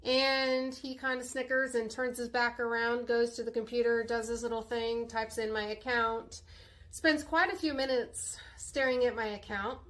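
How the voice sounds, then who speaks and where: A woman's voice: a little high, fairly even intonation, normal speed, fairly bright tone. A woman telling a story to camera in a wry, matter-of-fact way.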